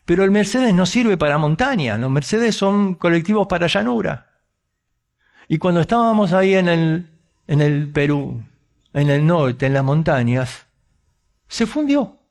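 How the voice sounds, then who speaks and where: Speaking with an Argentine Spanish accent, a man preaches a sermon built around a story, full of animated, conversational asides and rhetorical questions. His pitch is fairly high and his pace a little slow.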